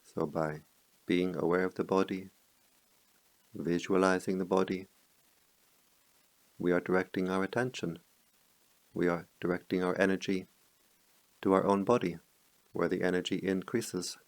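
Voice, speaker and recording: Leading a guided meditation, this middle-aged teacher uses a gravelly, very low voice that is soft, calm, and slow, with long pauses between phrases. He chants Pali verses in a low murmur, and the sound is close and dry with no echo from the room.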